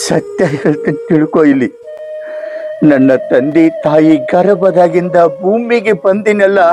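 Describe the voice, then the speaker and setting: Male actor as a weeping, preachy monk, high-voiced and slow, North Karnataka accent, music playing behind. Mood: lamenting. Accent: North Karnataka Kannada. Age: 40s. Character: tearful devout male monk guarding his clay pot. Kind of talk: village comedy drama acting.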